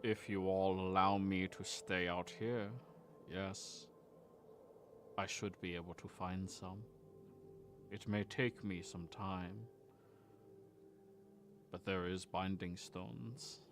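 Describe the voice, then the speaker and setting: A man voicing a creepy, lanky, quietly friendly last survivor of a dead race in a tabletop game, soft-spoken and deliberate, with phlegm in his throat. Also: low-pitched, steady tone, faint music behind. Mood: eerily friendly.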